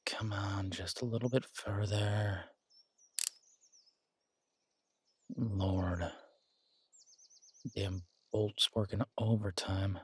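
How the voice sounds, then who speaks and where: Frustrated and straining, a man plays an affectionate, easygoing werewolf boyfriend who works on bikes, speaking haltingly and casually in an intimate roleplay audio drama. His voice sits on the low side with a steady tone, over slight background noise.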